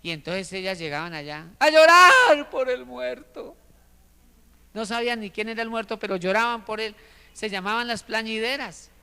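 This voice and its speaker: A man's voice: high-pitched, brisk, pushed and bright, clear, resonant tone, long reverb tail. A man preaching a sermon as a pastor, calling his listeners brothers and pressing his points with rising emphasis.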